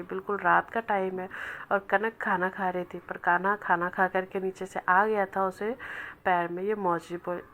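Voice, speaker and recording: A woman in her thirties from Bihar with a Bihari Hindi accent, quietly narrating the voice-over of her family's daily vlog at home, talking softly and slowly because her child sleeps beside her. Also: medium pitch. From Bihar, India. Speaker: family vlogger. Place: indoors at home, child asleep nearby.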